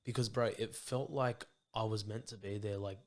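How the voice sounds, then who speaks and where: Hosting a casual podcast chat, a young Australian man speaks on the low side with a steady tone at a moderate pace. He is relaxed and earnest, addressing his guest as bro and mate.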